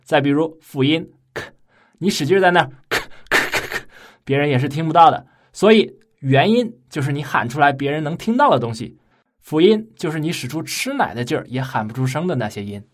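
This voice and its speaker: A man teaching English pronunciation in a recorded online lesson. He explains in a playful, colloquial way and slows down to exaggerate his English examples. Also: fairly high pitch, lively intonation.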